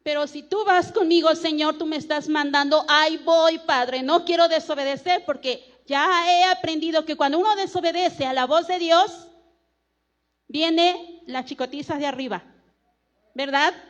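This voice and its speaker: A woman preaching a sermon in a church, earnest and prayerful, slowing down to stress key words. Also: sits high, dull audio. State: tired.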